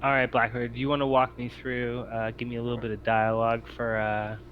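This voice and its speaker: An easygoing man acts as game master for a tabletop roleplaying game, narrating in a casual, conversational way. His mid-range voice is level in tone and a little fast, and the audio is slightly dull with faint background noise.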